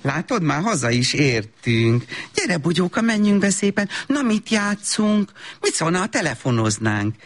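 A self-absorbed young mother, played by a man, whose voice sits high and swoops widely. She slides between gushing baby talk and shrill scolding. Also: big pitch swings. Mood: cooing. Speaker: comedian. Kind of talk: comedy sketch monologue.

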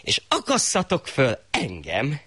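A man's voice: mid-range voice, huge pitch swings, a bit bright, slightly rough, no room sound, voice pushed up, exaggerated voice. A man voicing a foolish, hot-tempered old shah in a folk tale, speaking in an imperious, pompous way.

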